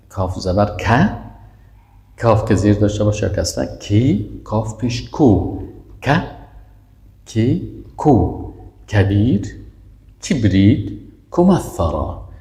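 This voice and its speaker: A man teaching Arabic pronunciation, repeating each word slowly and emphatically and quizzing his listeners. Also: fairly low pitch, dark tone, reverberant. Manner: repeats words slowly and emphatically, asks and answers his own questions. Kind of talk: language lesson, drilling pronunciation.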